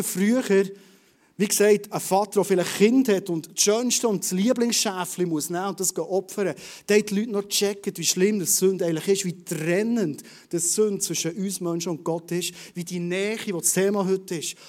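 A man preaching a conversational sermon in a Swiss German accent, swinging between loud bursts and hushed asides. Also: high-pitched, normal speed. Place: church service.

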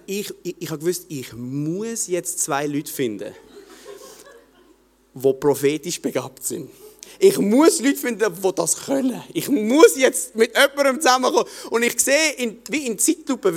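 A young man with a Swiss German accent, telling a personal faith story in a lively storytelling manner and acting out his own prayers. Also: high-pitched, normal speed. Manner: animated storytelling, acts out his own prayers, frequent tag questions. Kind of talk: personal testimony talk.

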